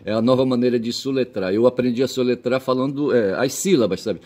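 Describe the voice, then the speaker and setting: A man's voice: mid-range voice, fairly quick, dark tone. A Brazilian man with a Brazilian Portuguese accent, holding a rambling solo monologue that keeps checking in with the listener, folksy, pedantic and blunt, with the odd swear word. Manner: keeps tagging phrases with "tá certo?" and "sabe?", pedantic and folksy. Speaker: channel host.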